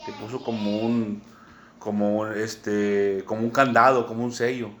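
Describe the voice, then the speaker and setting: A man with a Mexican accent preaching a sermon, teaching slowly and often checking in with "¿verdad?". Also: on the low side, little pitch movement, a bit bright. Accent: Mexican Spanish. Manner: unhurried teaching tone, many "¿verdad?" asides, spells words out.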